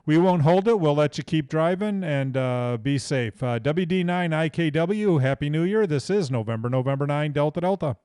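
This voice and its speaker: American guy calling on ham radio, smooth clear voice, dry close mic. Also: on the high side, animated, normal speed, few pauses, a little mellow, no echo. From Iowa, United States. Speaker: amateur radio operator running contacts. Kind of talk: casual ham radio exchange.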